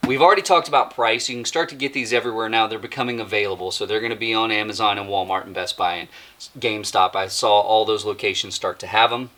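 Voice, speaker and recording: A man's voice: lowish voice, fast talker, bright, forceful tone. A man hosting his own channel, giving a casual hands-on toy review in a rambling, self-mocking, chatty way.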